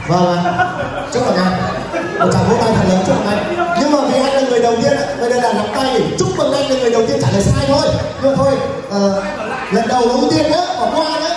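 A young man works as an event MC with a very high-pitched voice. He teases contestants and pumps up the audience. His voice booms around a large reverberant ballroom, picked up from afar over music. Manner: playful, teasing, hyping the crowd. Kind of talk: hosting a live party game show. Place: large hotel ballroom stage. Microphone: handheld PA microphone heard through distant camera. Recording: echoey hall, distant camera, music and crowd.

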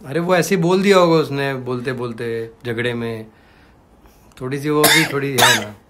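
A man playing a patient boyfriend in a comedy sketch, who keeps gently telling his girlfriend to calm down. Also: medium pitch, moderate pace, lightly acted. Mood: soothing.

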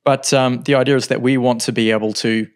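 A relaxed, mid-range male voice guides listeners through music software step by step, with thoughtful pauses along the way. The speaker is middle-aged and sits at a desk in his home studio.

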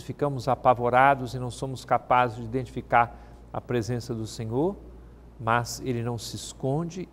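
Brazilian Portuguese male priest, solemn scripture reading and homily, middle pitch, long hall reverb. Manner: measured, solemn reading with a devotional tone.

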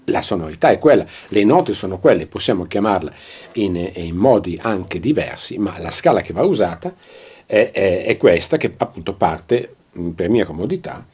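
A man with an Italian accent teaching a piano lesson, pausing often and demonstrating scales at the keyboard. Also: low-pitched, sing-song, a little mellow, husky. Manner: explains slowly with fillers, demonstrating at the keyboard. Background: piano playing.

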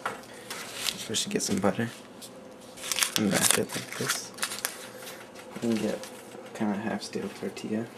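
In a small kitchen at night, a gravelly-voiced young man hosts a casual home cooking demo, speaking slowly in a lowish, level tone with long pauses. His talk is rambling, offhand and heavy on fillers, recorded up close on a handheld camera mic with noisy audio.

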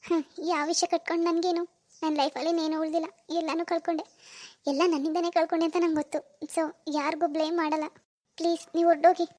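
A woman's voice: extremely high pitch, flat delivery, fast, a little mellow. A woman voicing a heartbroken young wife in a cartoon, tearful and resigned. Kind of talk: animated cartoon dialogue.

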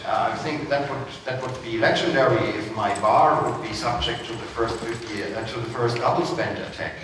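A man's voice: mid-range voice, moderate pace. Man on an echoey stage. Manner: animated, gesturing, relaxed and chatty. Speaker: conference speaker. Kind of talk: panel talk answering questions. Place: conference stage, seated in a large hall. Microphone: headset mic. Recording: echoey hall from far off, noisy.

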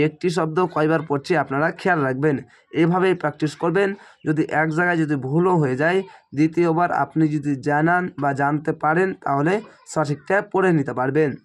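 This man's voice sits on the high side, with a slight strain in the throat. He's teaching how to read the Quran, breaking Arabic into single syllables and stretching out the words he recites.

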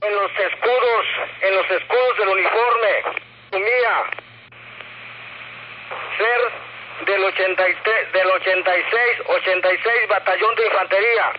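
A man dictating an incident report over a two-way radio as a police officer, haltingly and repeating phrases. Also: high voice. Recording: dull, noisy two-way radio transmission.

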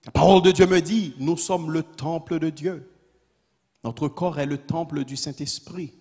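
A man's voice: a little high, fairly even intonation, unhurried, darkish tone, slightly rough. A man preaching a fiery sermon as a pastor, repeating his calls in a rising, insistent cadence. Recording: long hall reverb.

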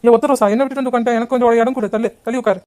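A woman's voice: a little high, fairly even intonation, a little mellow, lightly acted. A woman voicing Periya Ponnu, a brash village girl. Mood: cheeky. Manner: brash, cheeky, rapid-fire. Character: cheeky, bossy young village woman. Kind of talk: cartoon voice acting.

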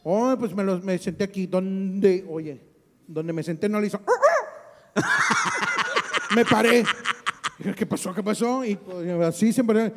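High-voiced clown telling a joke. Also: male voice, slow pace, long pauses, in a large hall. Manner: lively, imitates other voices in his story. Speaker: clown comedian. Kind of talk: telling a comic story.

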